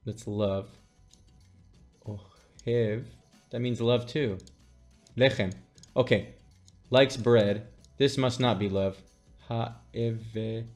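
A man in his late twenties streaming from a small room at his desk, casually thinking aloud, joking and swearing. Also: medium pitch. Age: late 20s. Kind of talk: casual live-stream commentary.

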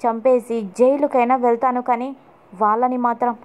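A woman voicing a hot-tempered young man who shouts threats of revenge, read in her own voice. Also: fairly high pitch, little pitch movement, normal speed, lo-fi sound, natural voice. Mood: angry. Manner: shouting, heated.

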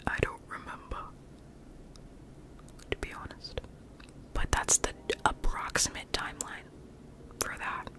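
A woman's voice: measured pace, pauses often. A young woman in her late teens whispering close to a studio mic in her bedroom, reading chat messages aloud and answering them in whispered live-stream chat. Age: young adult. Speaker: ASMR streamer. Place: bedroom with plush toys, indoors. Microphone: studio mic close in front.

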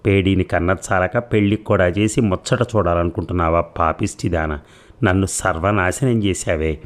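A man's voice: low-pitched, normal speed, lightly acted. A man voicing a furious betrayed young wife.

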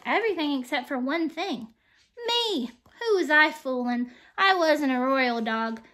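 A woman reading a children's picture book aloud, expressive and animated, with asides to her young listeners. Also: high-pitched. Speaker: storybook reader. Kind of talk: children's storybook read-aloud.

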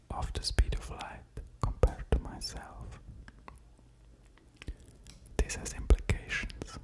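Slowly whispering man, close ASMR. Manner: slow, deliberate whispering close to the ear. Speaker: ASMR creator explaining physics. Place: small quiet room at home, indoors. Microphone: pair of studio condenser microphones with pop filters, very close.

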